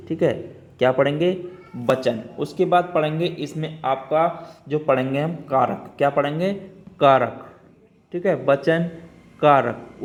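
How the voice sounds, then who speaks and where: A man teaching a grammar lesson for exam students, repeating terms and checking in with quick questions. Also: a little high. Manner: repetitive, keeps checking with "ठीक है" and asking questions back. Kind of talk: spoken Hindi grammar lesson.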